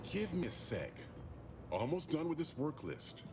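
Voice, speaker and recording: An actor playing a weary, stubborn chief mechanic in a video game. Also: male voice, on the high side, sing-song, a little slow, noisy background. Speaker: game character.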